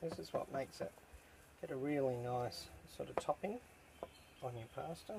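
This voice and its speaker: A man's voice: medium pitch, normal speed, creaky. A man casually talking through a camp cooking recipe step by step, filmed in a tent camp kitchen. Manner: relaxed, chatty step-by-step instructions. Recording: noisy outdoor camp recording.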